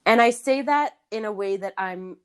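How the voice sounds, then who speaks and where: A woman's voice: medium pitch, normal speed, smooth. A young woman co-hosting a podcast, talking candidly and with lots of laughter, restarts and fillers. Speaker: podcast co-host. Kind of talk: casual chat.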